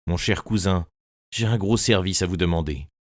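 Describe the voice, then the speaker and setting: A man's voice: sits low, moderate pace, no echo, studio quality, close to an everyday voice. A man voicing a troubled, hypnotized young woman who pleads hesitantly and anxiously. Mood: anxious pleading.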